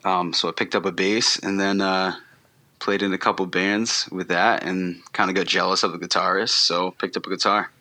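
A man guesting on a podcast, talking in a relaxed, rambling way with many ums and restarts. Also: low voice, normal speed. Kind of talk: casual interview chat.

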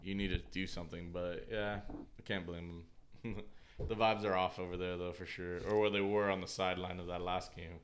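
Deep-voiced frat-bro guy talking sports. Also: little pitch movement, moderate pace, a little hiss or hum. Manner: frat-bro talk, slangy and profane. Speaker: podcast co-host. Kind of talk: casual sports chat.

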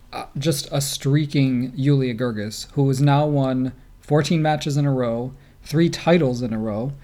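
A man's voice: mid-range voice, a little mellow. Man with a Great Lakes accent. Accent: Great Lakes American. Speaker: podcast co-host. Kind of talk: casual sports commentary.

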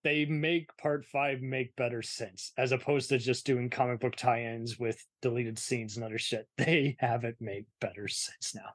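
A man's voice: mid-range voice, steady tone, measured pace, hardly any pauses, no echo, clean studio sound. A man hosting a podcast, ranting profanely in casual chat and laughing often. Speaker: podcast host.

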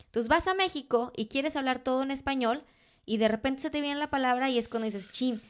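A Mexican woman co-hosting a podcast in casual, animated chat, laughing often. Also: high voice, a little fast. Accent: Mexican Spanish. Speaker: podcast co-host.

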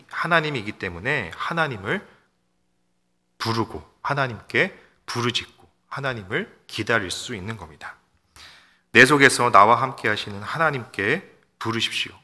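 A man's voice: lowish voice, bright, forceful tone. A man preaching a sermon as a pastor, earnest and emphatic, urging his listeners again and again. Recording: long reverb of a hall.

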